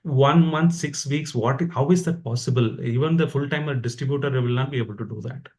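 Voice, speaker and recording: A man's voice: medium pitch, brisk, a little mellow. A man with an Indian accent delivers an informal devotional talk. He exhorts his listeners in a conversational, motivating way, as a fellow practitioner would.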